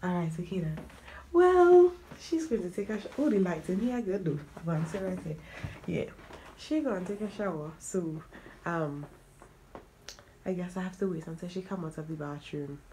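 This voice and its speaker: A woman's voice: on the low side, lively intonation, moderate pace, mellow, a little hiss or hum, rough recording. A woman vlogging casually from a relative's home, rambling with lots of fillers and laughing easily, her phone on a monopod a little away from her. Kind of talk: casual vlog chat. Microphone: phone on a monopod held a bit away.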